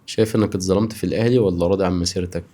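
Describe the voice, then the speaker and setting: Male host, Egyptian accent, natural unscripted talk, deep warm tone, probing short questions, casual. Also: fairly even intonation, very fast. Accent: Egyptian Arabic. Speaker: interview show host.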